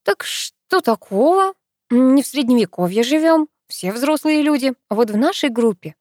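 A woman voicing a sassy, quick-tempered teenage girl in an audiobook, with snappy, mock-stern lines. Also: high-pitched, expressive, a little mellow, no room sound, studio quality, pitched above the performer's own voice.

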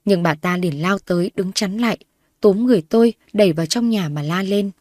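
A woman's voice: medium pitch, fairly quick, a little mellow, no echo, clean studio sound. Woman narrating a first-person story.

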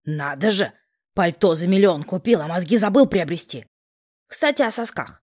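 A woman voicing a bossy, fussing older aunt who grumbles and barks her words in a low voice. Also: expressive, moderate pace, darkish tone. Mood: grumbling. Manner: grumbling, barking, blunt.

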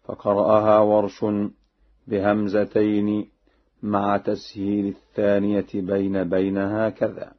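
Over a dull lo-fi radio broadcast, a man with a lowish voice and completely flat delivery teaches Quran recitation variants in a measured, formal way, breaking into melodic chanting for each example.

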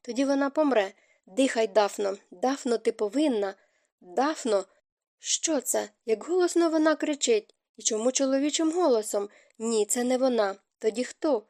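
Brief: woman audiobook narrator, dramatic storytelling, fairly high mellow voice, dry close sound. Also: moderate pace, no room sound. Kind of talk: scripted narration.

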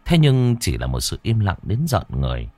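A man narrating a ghost story in a dramatic way, slowing down for tense moments. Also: sits low, huge pitch swings, darkish tone, no echo. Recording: dry close voice with faint background music.

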